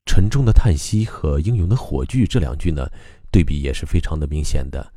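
A man teaching how to recite a poem, explaining calmly and methodically with frequent pauses. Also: extremely low pitch, no room sound, studio quality. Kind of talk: explanatory lesson on reading poetry aloud.

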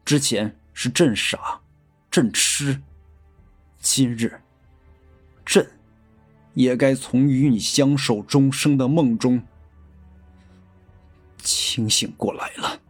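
An actor voicing a cold, embittered emperor who gives stern commands. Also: male voice, mid-range voice, slow pace, pauses often, breathy edge, faint music behind. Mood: bitter.

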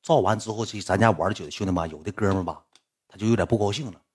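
A young man with a Northeastern Chinese accent telling a comic story in lively, chatty dialect. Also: lowish voice, very fast, slightly rough.

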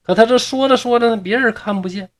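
A man with a Northeastern Mandarin accent narrating a classic ghost tale in a humorous, chatty way, drawing out his filler words. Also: very high voice. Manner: lively, chatty, drawn-out fillers. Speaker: storyteller.

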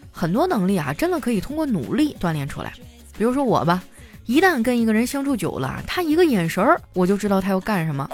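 Animated woman comic storyteller. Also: medium pitch. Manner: animated storytelling, chatty filler particles. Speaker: comedian. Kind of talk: stand-up comedy monologue.

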